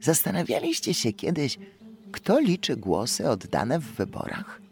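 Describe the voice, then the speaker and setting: A man narrating a children's audiobook in an expressive storytelling manner. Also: mid-range voice, unhurried, gravelly, faint music behind.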